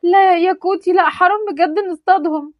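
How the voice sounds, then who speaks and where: A woman voicing a stubborn, sharp-tongued young woman with an Egyptian accent in a told story. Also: very high-pitched, fairly even intonation, fast talker, no echo, lo-fi sound, voice pushed up. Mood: indignant. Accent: Egyptian Arabic. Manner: sharp, indignant.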